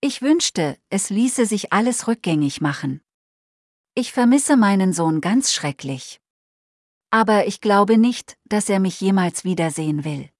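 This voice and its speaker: A woman's voice: medium pitch, expressive, measured pace, no echo, clean studio sound. A woman voicing a remorseful, lonely old man in a Christmas storybook, speaking with sad regret. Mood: regretful. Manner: sad, regretful, softly pleading.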